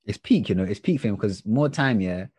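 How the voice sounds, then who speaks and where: A young man with a London roadman accent talks in quick, slang-heavy football banter. His husky voice moves around a lot in pitch, as a panellist among friends. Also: expressive, a little mellow, no echo, studio quality.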